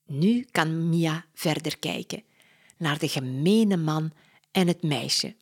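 A woman reading a simple story aloud slowly and clearly, as a narrator. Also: low voice, darkish tone. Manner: very slow, clear, deliberate. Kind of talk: slow storybook reading for learners.

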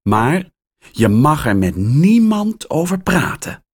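A friendly but secretive woman author from a children's storybook, speaking in a slow, hushed way and dropping to near-whispers. Her lines rise and fall widely, as a man reading the story aloud puts her on, higher than his own voice. Every word is drawn out. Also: big pitch swings, heavily acted. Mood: mysterious. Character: mysterious friendly woman horror writer.

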